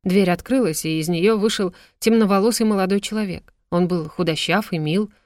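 A woman reads a novel aloud with steady storytelling, her voice at a middle pitch. The close-miked audiobook recording is dry with no room sound. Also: a little fast, no room sound. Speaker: audiobook narrator. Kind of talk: scripted narration.

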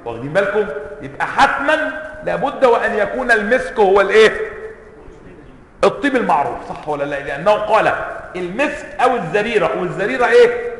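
Egyptian sheikh teaching a class, emphatic quotes, keeps checking the room; high voice, roomy echo. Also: male voice, animated, fast, a bit bright. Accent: Egyptian Arabic. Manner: asks students rhetorical checking questions; reads quotations in a raised, emphatic voice. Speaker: sheikh teaching hadith commentary. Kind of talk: classroom lecture reading and explaining a text. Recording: roomy hall reverb.

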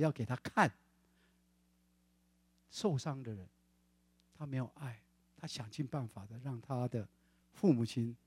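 A male pastor, preaching a sermon in a church and lively acting out the quoted words of family members. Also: medium pitch, breathy edge, no echo. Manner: animated, acts out quoted voices of family members.

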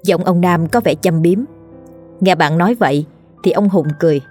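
A woman narrating a comic ghost story in a lively storytelling manner. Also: fairly low pitch, normal speed, faint music behind. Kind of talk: dramatic storytelling.

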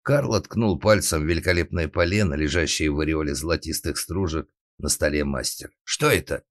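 A man narrating an audiobook in an ironic, even storytelling manner. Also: a bass voice, fairly quick, no room sound.

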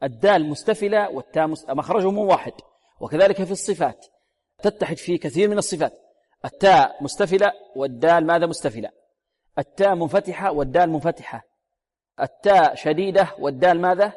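A man teaching Quran recitation rules. He draws out each example word slowly, repeats it many times, and asks questions that he then answers himself. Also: on the high side, a little mellow, big-room sound. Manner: slow, drawn-out demonstrations of words, repeated many times. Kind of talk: tajweed lesson with recited examples.

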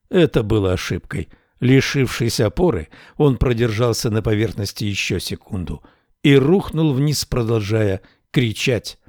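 A man narrating a fantasy audiobook in a measured, steady storytelling manner. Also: medium pitch, no room sound, clean studio sound.

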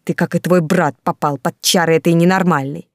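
A woman's voice: lowish voice, steady tone, brisk, dry recording, clean studio sound, natural voice. A woman reading the part of a domineering, scheming older countess who hisses her commands. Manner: hissing, commanding.

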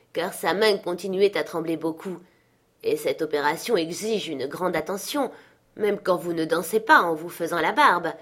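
Woman, audiobook narrator, even storytelling, scripted reading. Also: on the low side. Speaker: audiobook reader.

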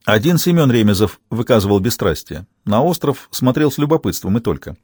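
A man reading an audiobook with steady storytelling narration. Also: fairly low pitch, fairly quick, husky, no echo, clean studio sound.

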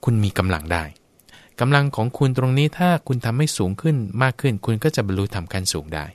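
A man's voice: medium pitch, quick pace, no echo. A man, a Buddhist monk, patiently explaining teachings in a radio Dharma talk. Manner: calm, patient explaining, acts out quoted people.

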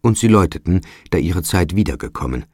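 A man reads a literary audiobook in a measured, dramatic way. His voice is very low and husky, and the recording is dry and close. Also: animated, a little mellow, dry recording. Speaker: audiobook narrator. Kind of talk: scripted literary narration.

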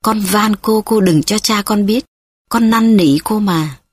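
A woman's voice: medium pitch, a little slow, husky, dry recording. A woman reading the part of a frightened little girl who begs and sobs, in an audiobook. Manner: begging, sobbing.

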